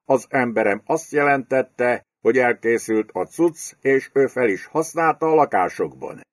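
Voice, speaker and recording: A man's voice: medium pitch, animated, dry recording, clean studio sound, voice pushed up, natural voice. A man voicing a nervous, anxious male businessman who whines and frets in an audiobook. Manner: anxious, whining. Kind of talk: audiobook character voice.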